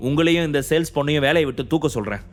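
A man voicing an arrogant rich young man who talks down to others and blusters loudly. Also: a little high, lively intonation, moderate pace, pitched above the performer's own voice, natural voice. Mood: blustering. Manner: blustering, shouting, condescending.

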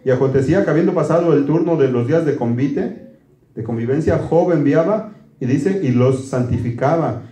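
A man's voice: a little high, normal speed, mellow, roomy sound. A man preaching a conversational sermon, folksy and quizzing his congregation with questions. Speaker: pastor.

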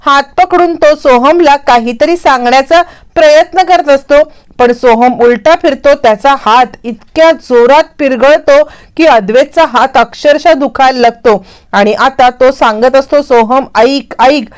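A woman's voice: sits high, a little slow. A woman narrating a dramatic recap of a TV serial episode, reading the characters' lines aloud in a lifted voice. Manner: storytelling, reads characters' lines in quotes with a lifted voice.

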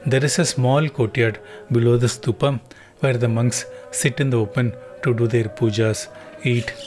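A man narrating a travel documentary in a calm, even, scripted voice-over. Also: medium pitch, normal speed. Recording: voice-over with music underneath.

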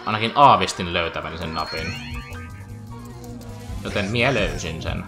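A man giving chatty, joking let's play commentary over a video game, with playful asides. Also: sits low. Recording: faint game music behind.

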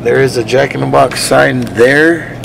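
A man livestreams police activity, chatting casually to his viewers in slang and calling them "guys." His medium-pitched voice is gravelly, steady in tone, and a little slow. He starts outdoors at a roadside at night and later moves into a car, with noisy street and car ambience throughout.

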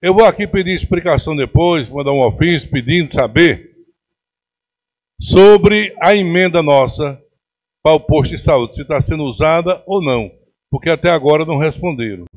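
A middle-aged man with a Pernambuco accent, speaking as a city councillor from the podium of a council chamber. His voice sits a little high for a man, and he presses his complaints with indignant emphasis. The sound is dull and lo-fi, like a chamber broadcast feed. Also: expressive, moderate pace. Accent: Pernambuco Brazilian Portuguese. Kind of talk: plenary speech. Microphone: podium microphone on stand.

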